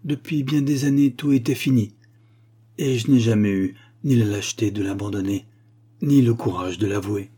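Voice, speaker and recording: A man reading aloud, voicing a weary, remorseful dying father who dictates in a halting, pleading way. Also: medium pitch, mellow, husky, natural voice.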